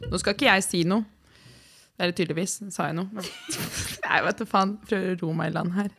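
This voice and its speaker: A woman's voice: lowish voice, steady tone, a bit bright, slightly rough. A young woman chats on a podcast as one of its hosts. She rambles through her stories, breaks off into digressions and restarts her sentences. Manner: rambling, self-interrupting storyteller. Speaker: podcast co-host. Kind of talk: casual chat.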